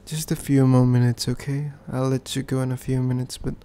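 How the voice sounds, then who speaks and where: A man's voice: mid-range voice, little pitch movement, a little fast, dark tone, clear, resonant tone. A British man doing an ASMR role-play as a needy, clingy, playful boyfriend, speaking in an intimate, affectionate, pleading way. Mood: tender, pleading.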